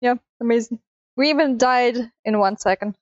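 A woman with a high, bright-pitched voice chats playfully through a game stream, teasing and giggling between lines. The sound is close and dry, with no room around it. The mic is a bit dull and lo-fi. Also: moderate pace, no room sound. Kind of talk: casual gameplay chat.

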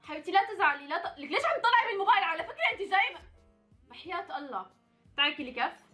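A woman's voice: very high-pitched, sing-song, very fast, sharp tone, faint music behind. A woman in her twenties with a Levantine Arabic accent, chatting playfully to her viewers as she plays, teasing and putting on mock-angry outbursts. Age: 20s. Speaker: vlogger. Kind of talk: playful gameplay commentary.

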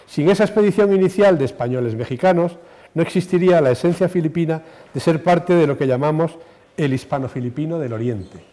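A man in his sixties reads a formal introduction from a lectern. His voice is very mellow and soft-edged, pitched a little high for a man. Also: fairly quick. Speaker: presenter introducing speakers. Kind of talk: formal scripted address. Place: indoor conference stage at lectern. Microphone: lectern microphone.

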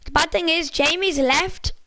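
A woman chatting casually with teammates while she plays an online game, calling out loot and cheering in quick excited bursts. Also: extremely high pitch, dry recording. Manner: excitable, quick exclamations and callouts. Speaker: gamer streaming her own play. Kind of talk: casual gaming chat with teammates.

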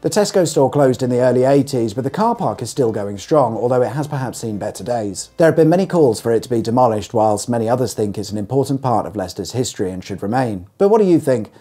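A man's voice: mid-range voice, lively intonation, fast, few pauses, warm tone, husky. A man in his forties with a British accent, narrating his own video with dry, sarcastic asides from a small studio desk. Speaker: host. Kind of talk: scripted narration to camera. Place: small indoor studio set.

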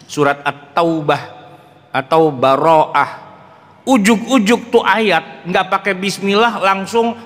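A middle-aged man giving a joking, animated mosque lecture in slang. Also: high voice, slow. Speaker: preacher. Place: large mosque hall. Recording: long hall reverb.

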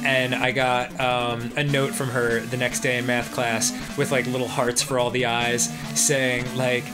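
Here the New Jersey co-host speaks in a mid-range voice, a little slowly, trading casual stories during gameplay. Game music runs underneath, and he's animated, quick to laugh and fond of acting out quoted voices.

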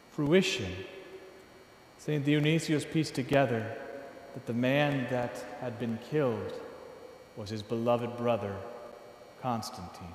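A man in his thirties, a priest, delivering a sermon from a lectern in a large church, with measured, earnest, emphatic phrasing. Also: medium pitch, slight background noise. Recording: echoey church hall from a distance.

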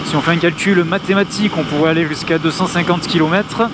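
High-voiced man vlogging over loud engine noise. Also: steady tone. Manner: chatty, many filler pauses. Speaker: motovlogger. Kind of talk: casual riding commentary. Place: riding a motorcycle on country roads, outdoors. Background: engine and road noise.

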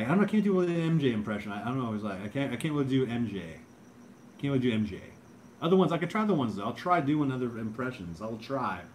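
A man's voice: medium pitch, a little hiss or hum. A young man hosting a casual livestream, hesitant and self-deprecating as he answers viewer comments. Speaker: livestream host.

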